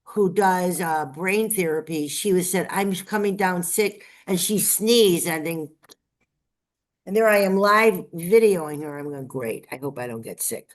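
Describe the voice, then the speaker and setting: A woman from Las Vegas, Nevada, chats enthusiastically as a guest on a live-streamed show, keeping the talk casual. Her lowish voice is unhurried and sounds a bit congested.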